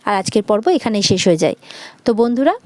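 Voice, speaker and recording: Fast-talking woman recapping a serial. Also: mid-range voice, expressive, a little mellow, no echo. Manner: brisk storytelling. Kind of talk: scripted narration.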